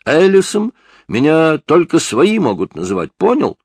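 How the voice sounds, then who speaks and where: A cocky, sneering teenage punk in an audiobook, pitched up high and loud, throwing rude slang at the police. A man with a gravelly, husky voice puts him on. The sound is close and dry. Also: wildly swooping pitch, unhurried, dry recording, full character voice. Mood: insolent. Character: brash insolent teenage boy suspect.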